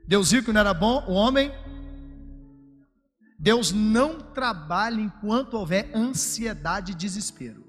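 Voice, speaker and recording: A man preaching a sermon, swinging between shouted fervor and low, confiding talk. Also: animated, measured pace. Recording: music under, long hall reverb.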